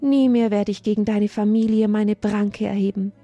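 Storybook lion king, remorseful and slow, mellow tone, voiced by a woman. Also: medium pitch, fairly even intonation, no room sound, lo-fi sound, faint music behind, natural voice.

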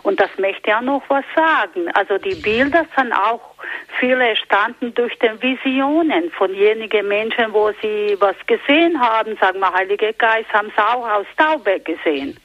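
A woman's voice: mid-range voice, expressive, moderate pace. A woman from Munich calling in to a radio show, hesitant and searching for words, heard over a phone line. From Munich, Germany. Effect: caller heard over a phone line.

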